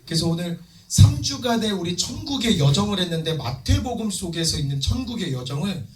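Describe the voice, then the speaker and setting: High-voiced fervent male pastor preaching. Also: very animated, a little fast. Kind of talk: sermon. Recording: echoey room, distant mic, faint music.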